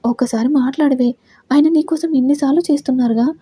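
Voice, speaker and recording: A woman's voice: high voice, quick pace, dark tone, no echo, close to an everyday voice. Woman reading as an insistent best friend. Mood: urging. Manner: insistent, coaxing. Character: urging female best friend.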